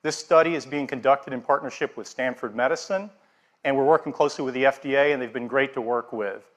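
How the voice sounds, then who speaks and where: A middle-aged man giving a keynote on a large theater stage. His delivery is steady and scripted, through a headset mic, with a mid-pitched voice. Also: a little fast. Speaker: product presenter. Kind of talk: keynote presentation.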